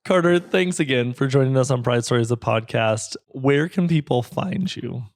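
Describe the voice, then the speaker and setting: A man's voice: mid-range voice, moderate pace, no room sound, clean studio sound. A middle-aged man hosting a podcast, speaking in an encouraging, easygoing way and laughing easily with his guest. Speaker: podcast host. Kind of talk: casual podcast interview.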